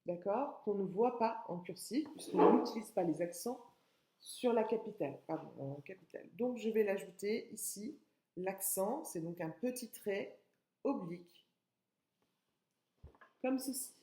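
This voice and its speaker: Slow, patient woman teaching young children. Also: medium pitch, animated, dark tone, reverberant. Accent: French. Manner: slow, patient, spelling out sounds and syllables. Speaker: kindergarten teacher. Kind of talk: remote writing lesson for young children.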